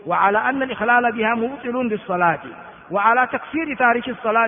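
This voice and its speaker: A man, an Islamic scholar, gives a classroom lecture explaining a hadith text, sometimes chanting the quoted words and verses. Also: sits high. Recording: long hall reverb, narrow phone-like sound.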